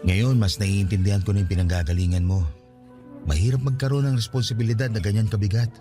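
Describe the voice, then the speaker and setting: An actor playing a sincere, patient, lovestruck suitor in a radio romance drama, with an earnest, tender delivery. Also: male voice, fairly low pitch, fairly even intonation, fast talker, natural voice. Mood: understanding, admiring. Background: music.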